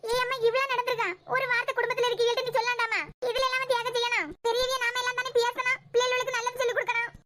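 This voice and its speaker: A woman plays a weepy old grandmother in a Kanyakumari Tamil accent, fretting over family matters. The voice sits very high and runs at a quick clip. It has a lamenting, worried manner. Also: little pitch movement, noisy background. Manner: fretful, lamenting. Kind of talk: cartoon web series voicing.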